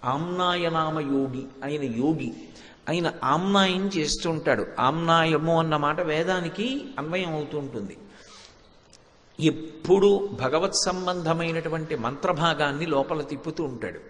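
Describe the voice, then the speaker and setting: A man's voice: on the high side, a little slow, fairly bright tone. A man giving a devotional discourse from a stage, telling anecdotes and reciting verses, stressing points by repeating words. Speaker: spiritual discourse speaker. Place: stage before an audience. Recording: echoey hall with long reverb.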